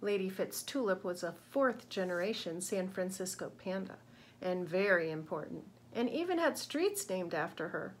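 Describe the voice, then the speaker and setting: Expressive woman reading a picture book aloud. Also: medium pitch, normal speed, slight background noise. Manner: expressive, asks young listeners questions. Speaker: read-aloud narrator.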